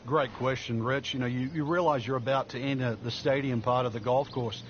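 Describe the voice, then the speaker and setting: A man working as a golf commentator and analyst, explaining the course in a measured way. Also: medium pitch, steady tone. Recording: dull audio, loud crowd and outdoor noise. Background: golf crowd and outdoor ambience.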